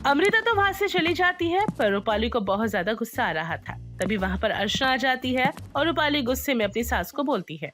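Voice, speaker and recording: Female storybook narrator, expressive, lively melody, faint music bed. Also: high voice, brisk, hardly any pauses.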